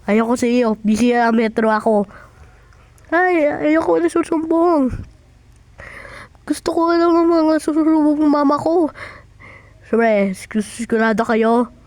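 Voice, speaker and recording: A woman acts out a one-person comedy skit in a high voice. She is excitable and whiny, often yelping and shouting. Her speech is slow and drawn out, and the sound is close and dry. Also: no echo. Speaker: skit creator.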